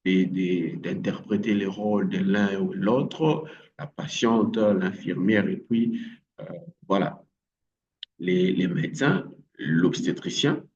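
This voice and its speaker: Slow, low-voiced man teaching pronunciation. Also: a little mellow, recorded from a distance, highs cut off, slight background noise. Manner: slow, drilling words with repetition and many fillers. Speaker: English teacher. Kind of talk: language lesson.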